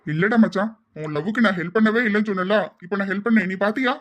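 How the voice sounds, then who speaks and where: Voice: mid-range voice, fast talker, close to an everyday voice. A performer voicing a young man who jokes with and needles his friend, in an amateur audio drama. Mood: teasing. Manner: joking, needling. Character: teasing young male college buddy.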